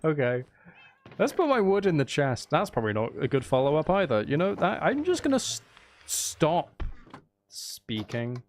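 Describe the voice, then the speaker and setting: With big swings in his slightly high pitch, a man speaks at a moderate pace as he streams a game and chats with viewers. His commentary is loose and rambling, mixing playful teasing with humour at his own expense.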